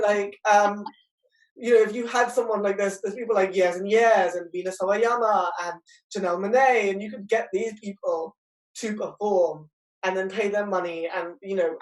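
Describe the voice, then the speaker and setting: A woman speaking on a livestream in a chatty, wry and animated way, with a roomy sound from a distant video-call mic. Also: medium pitch, moderate pace. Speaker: panel guest. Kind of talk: livestream discussion.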